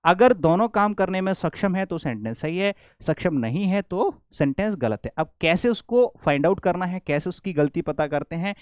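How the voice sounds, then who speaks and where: High-voiced Indian man teaching grammar. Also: expressive, normal speed, hardly any pauses, a little mellow, no room sound, clean studio sound. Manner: explains step by step, repeats questions back to the class. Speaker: English teacher. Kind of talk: classroom grammar lesson.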